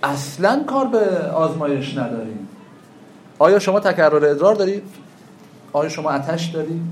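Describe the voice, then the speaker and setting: A man's voice: a little high, lively intonation, roomy sound. A man teaching a class on traditional medicine, lecturing animatedly and asking his students questions that he answers himself.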